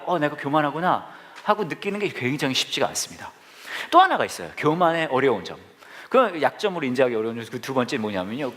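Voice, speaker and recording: Man preaching, fast and lively, self-deprecating humor in front of a congregation. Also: on the high side. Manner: jokey, self-deprecating, animated. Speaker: pastor. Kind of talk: humorous storytelling sermon. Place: church service with live congregation.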